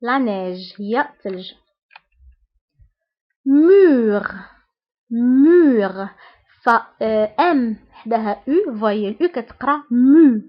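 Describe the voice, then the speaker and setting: A woman with a Moroccan Arabic accent teaching a beginner French lesson, patient and repeating each sound slowly. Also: a little high, lively intonation, highs cut off.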